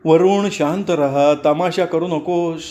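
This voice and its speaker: A man voicing a gentle, pleading older father-in-law who begs forgiveness softly. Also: a little high, takes it slowly, pitched above the performer's own voice. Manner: soft, pleading, apologetic.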